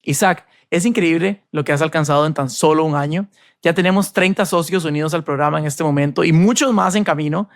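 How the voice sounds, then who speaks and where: This is a man from Costa Rica who hosts a podcast. His voice sits fairly high and has a gravelly edge, and his delivery is polished and upbeat, like a prepared script. The mic is close and the sound is dry, with no room echo. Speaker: podcast host. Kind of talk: scripted podcast intro and interview.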